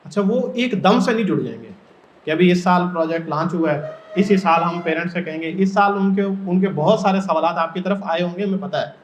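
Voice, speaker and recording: A man's voice: high-pitched, slight background noise. A man from Pakistan training teachers in a workshop, explaining step by step and often putting questions to the room. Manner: explains step by step and keeps asking the audience questions. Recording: echoey room, dull lo-fi sound.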